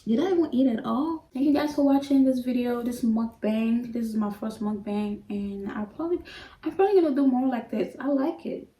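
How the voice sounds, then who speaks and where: A woman's voice: high-pitched, a little fast, mellow. A young woman casually chatting to her viewers in a mukbang vlog, giggling and talking while she eats, recorded by a camera mic at a distance in a room at home. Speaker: YouTuber. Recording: roomy echo, off-mic, faint background ambience.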